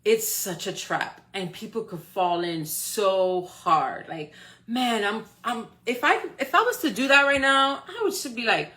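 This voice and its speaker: 40-something woman doing a live pep talk, bright clear voice, super encouraging, keeps asking "right?". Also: mid-range voice, lively intonation, measured pace. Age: 40s. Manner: encouraging, checks in with frequent "okay?" and "right?". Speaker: motivational speaker. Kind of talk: live-stream motivational talk.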